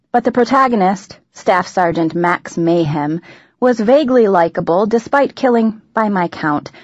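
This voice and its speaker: A woman narrating an audiobook in the first person, in a wry, deadpan manner. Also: medium pitch, no echo, highs cut off. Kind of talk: scripted narration.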